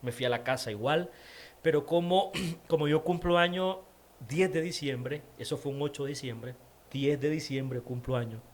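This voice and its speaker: A man's voice: fairly high pitch, normal speed. A man with a Nicaraguan accent, an interview guest giving a personal faith testimony, repeating words for emphasis. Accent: Nicaraguan Spanish.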